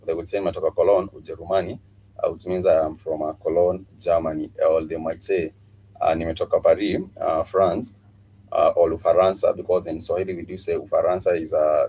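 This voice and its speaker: A man's voice: low voice, dark tone, a little hiss or hum, rough recording. A man teaching a live online language lesson, patiently repeating phrases and spelling words out letter by letter. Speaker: Swahili teacher.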